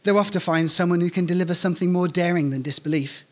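Speaking fast in a high-pitched voice, a middle-aged man performs a first-person short story from a script at a live reading. He stands on an indoor stage with a microphone on a stand just in front of him.

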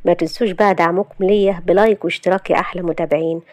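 A woman's voice: lowish voice, steady tone, rapid-fire, no echo, clean studio sound. A woman with an Egyptian accent narrating a romantic story in a friendly, intimate way.

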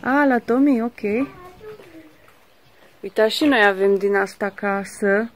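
A woman's voice: medium pitch, a little hiss or hum. A woman filming a casual walking vlog in a village garden on a phone, exclaiming often and talking to her viewers. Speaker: vlogger.

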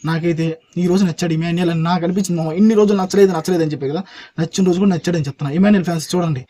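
A man with a high, husky voice reviews a reality show at a fast clip. He talks straight to his viewers in an emphatic, casual way and keeps checking that they follow him. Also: fairly even intonation, warm tone.

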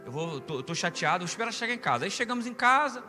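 Brazilian pastor guy telling funny stories in a sermon, sharp high voice, music faint under it. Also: fast talker. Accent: Brazilian Portuguese. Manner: animated storyteller, rising to loud preaching. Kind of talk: humorous storytelling sermon. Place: church hall. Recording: reverberant church hall with music.

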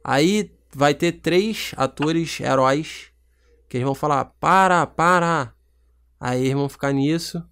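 A young man with a Brazilian accent rambling through a joking pitch for a film in a prank phone call. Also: normal speed, smooth. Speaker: YouTuber.

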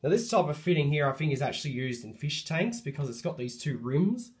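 Holding his phone indoors, a man with a cold-roughened, hoarse voice shows off a light fitting he's refurbished in a casual show-and-tell. His voice is a little high and very animated, fairly quick yet hesitant, full of ums and restarts.

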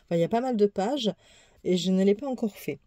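The audio is clean studio sound with no room echo as a woman speaks quickly in a warm, medium-pitched voice. She's a tarot YouTuber doing a relaxed show-and-tell of her decks, chatty with frequent asides, fillers and small laughs.

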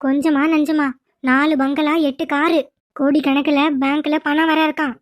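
A woman's voice: high-pitched, little pitch movement, normal speed, natural voice. A woman voicing a greedy, scheming middle-aged mother-in-law in a cartoon, with a bossy, scolding manner. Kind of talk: cartoon voice acting.

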